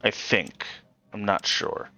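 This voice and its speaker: Speaking slowly in a pushed, bright voice with faint music behind him, a co-host helps a friend through a game in a laid-back let's play. He's been awake since early morning and sounds it, patient but hesitant and heavy on the ums.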